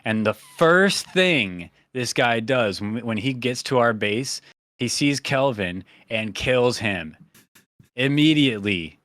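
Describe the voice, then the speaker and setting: A man's voice: mid-range voice, slow pace, no room sound. Rambling man chatting on a podcast, dry sound. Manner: rambling, filler-heavy, animated storytelling. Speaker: podcast host. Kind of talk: casual chat.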